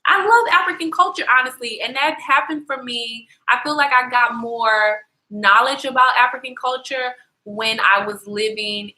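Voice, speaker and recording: A woman's voice: a little high, sharp tone, low-quality recording. A young woman chatting casually on a travel livestream, slangy and profane, talking straight to her viewers. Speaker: travel vlogger.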